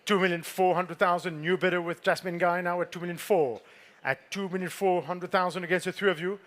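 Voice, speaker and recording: High-voiced man, fine art auctioneer calling bids. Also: steady tone, brisk, a bit bright. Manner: poised, formal fine art auctioneer delivery, polite prompts to bidders. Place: auction saleroom with bidders present.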